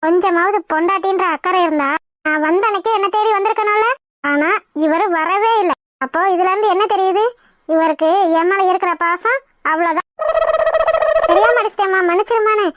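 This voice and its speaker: A woman's voice: very high voice, fairly quick, fairly bright tone. A woman voicing a proud, stubborn young wife in a cartoon, sulking and scolding her husband indignantly. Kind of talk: cartoon voice acting.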